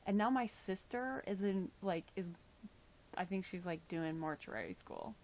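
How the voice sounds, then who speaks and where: A woman's voice: mid-range voice, a little slow, a little mellow, slight background noise, poor audio. A young woman casually chatting on her livestream, reading chat aloud and filling her talk with "like" and "um", her voice tired. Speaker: livestream host.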